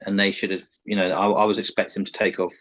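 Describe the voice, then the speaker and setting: A man's voice: low voice, flat delivery, fast, a bit bright, no echo. A man co-hosting a casual football podcast over a video call, chatty and teasing, laughing often. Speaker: podcast co-host.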